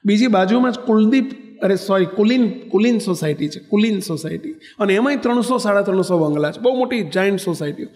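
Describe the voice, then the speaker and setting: Man, monk, high voice, conversational storytelling sermon, corrects himself as he goes. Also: expressive, fairly quick, a little mellow, long reverb tail. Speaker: monk and spiritual leader.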